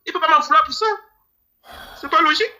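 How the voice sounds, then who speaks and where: A man's voice: very high voice, fast talker, bright, forceful tone. A man from Cameroon giving a grieving, pleading interview, often repeating his words. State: grieving, near tears. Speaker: interview guest. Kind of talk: emotional interview testimony.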